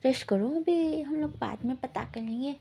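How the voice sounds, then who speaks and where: A woman voicing a calm, sensible young man who reassures others in a retold fan story. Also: high voice, normal speed, creaky, slight background noise.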